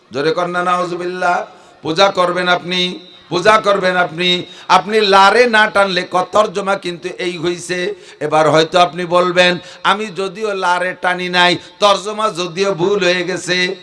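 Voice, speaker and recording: High sharp-voiced preacher guy, fiery sermon, chants arabic verses. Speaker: Islamic preacher.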